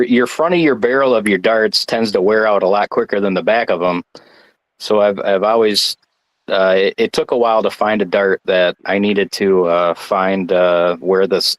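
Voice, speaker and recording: A man from Michigan, a guest darts player, chatting casually and haltingly, with lots of restarts and fillers. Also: on the low side, fairly even intonation, no room sound, poor audio. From Michigan, United States. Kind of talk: casual chat.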